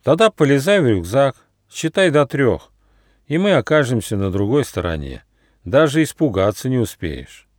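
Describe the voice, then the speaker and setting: A man voicing a big, kind male dragon in a storybook, booming and helpful. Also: sing-song, moderate pace, dry recording, studio quality, natural voice. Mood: friendly.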